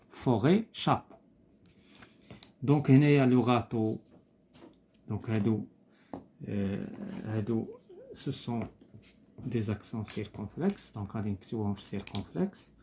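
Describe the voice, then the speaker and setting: A man with a Moroccan Arabic accent, teaching as he works through a French textbook exercise. He talks patiently, repeating each word and pausing on hesitant fillers. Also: medium pitch, darkish tone, slight background noise.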